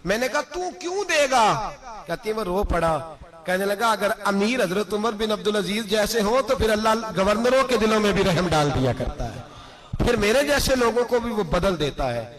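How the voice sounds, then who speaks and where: A man's voice: high voice, animated, normal speed, a crowd in the background. A man preaching a sermon, retelling a story with emotional, rising exclamations.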